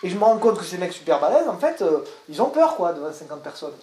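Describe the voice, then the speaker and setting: A man, an actor, telling a personal story to an audience in a lively way and often repeating words as he searches for them. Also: high-pitched, quick pace, reverberant, a little hiss or hum. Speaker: stage actor and director.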